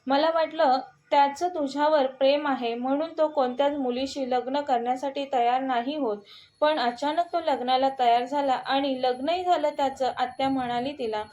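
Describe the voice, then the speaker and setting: A woman's voice: high voice, steady tone, normal speed, darkish tone. A woman narrating a romantic short story, reading every character's lines in her own voice.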